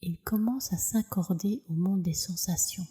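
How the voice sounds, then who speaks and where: A woman guides a relaxation meditation as a yoga nidra teacher, her voice fairly low in pitch, soft, and soothing. She speaks in a measured manner, with breathy endings to her phrases.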